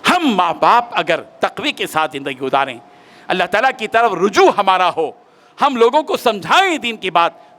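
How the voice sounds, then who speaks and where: A male maulana tells a moral story during a sermon and drives home its lesson emphatically. His voice is unusually high for a man and bright and cutting. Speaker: maulana preacher.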